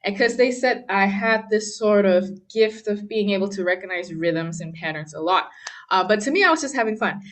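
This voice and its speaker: A young Malaysian pianist chats casually as a guest in an interview, using plenty of fillers and laughing often. Her voice is medium-pitched and a bit bright.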